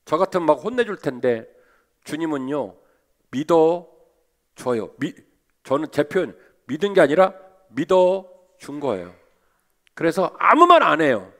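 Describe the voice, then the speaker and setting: Male pastor, sermon, fairly high voice that rises and falls a great deal, rhetorical questions. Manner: animated, asks the congregation rhetorical questions.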